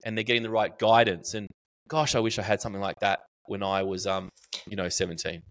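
He's a middle-aged Australian man whose voice sits on the low side, a bit bright, fairly quick and fairly even in intonation. As a marketing educator guesting on a podcast, he chats casually and animatedly, telling stories with restarts and fillers.

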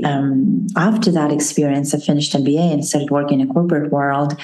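A woman in her forties with a Kazakh accent hosts a solo podcast, speaking earnestly and reflectively in a low, warm voice, full of fillers and frequent restarts. The space sounds roomy and echoey, with faint music underneath.

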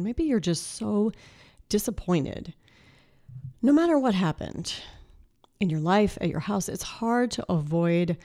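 Woman, 30s, podcast host and life coach, slightly hoarse from a cold, chatty and casual, mid-pitched. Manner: chatty and warm, with filler words and laughs. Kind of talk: casual faith-based podcast talk.

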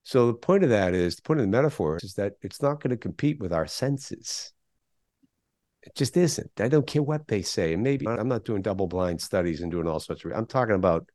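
A man's voice: on the low side, darkish tone, dry recording, studio quality. A middle-aged man, a guest on a podcast interview, speaking emphatically and firing off rhetorical questions. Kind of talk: conversational interview.

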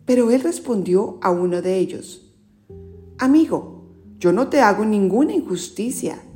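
A woman with a Latin American Spanish accent speaks like a kids show host, reading and explaining a Bible story to children in simple, expressive words with direct questions. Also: mid-range voice. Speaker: children's religious teacher and presenter.

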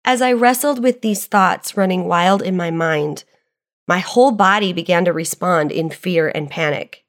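Woman reading an earnest devotional reflection. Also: lowish voice. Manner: earnest, measured, personal storytelling.

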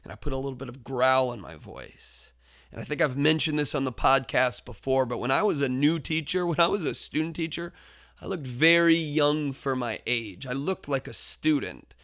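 A teacher who hosts a podcast shares a classroom story in an expressive, medium-pitched voice at normal speed, earnest and reflective, with frequent restarted phrases. Quoted shouts in the story build to loud and forceful, and the studio-quality recording has no echo.

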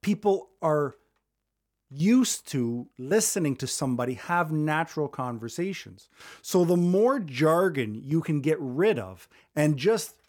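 A man hosting a solo podcast from a small studio, talking fast and conversationally into a studio microphone. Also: fairly high pitch, lively intonation, a little mellow. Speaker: podcast host. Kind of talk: solo podcast advice talk.

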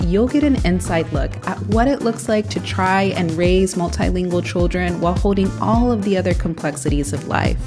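A woman hosting a podcast, reading her introduction and then interviewing a guest. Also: on the low side. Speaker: podcast host.

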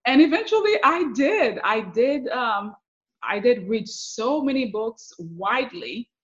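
A woman's voice: fairly high pitch, animated, a little slow, muffled recording. Haitian-born woman telling her story. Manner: warm storytelling with frequent laughs and fillers. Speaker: guest, success coach. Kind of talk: interview conversation.

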